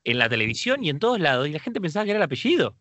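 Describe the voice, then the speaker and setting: A man's voice: a little high, big pitch swings, racing, bright, forceful tone, slight background noise. A man with an Argentine accent co-hosting a sports radio show, eagerly bringing up trivia. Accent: Argentine Spanish. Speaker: radio co-host. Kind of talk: casual sports radio talk. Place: radio studio.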